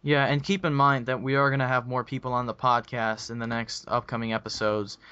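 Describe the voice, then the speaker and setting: A man's voice: medium pitch, little pitch movement, fairly quick, sharp tone, clear, resonant tone, muffled recording. A young man hosting a casual podcast, rambling with many ums and restarts over a voice call. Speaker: podcast host.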